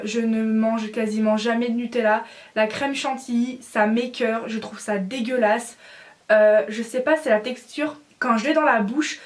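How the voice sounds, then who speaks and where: Blunt, chatty young woman, higher voice. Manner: blunt and animated, with many fillers. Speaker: vlogger. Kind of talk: casual opinion vlog.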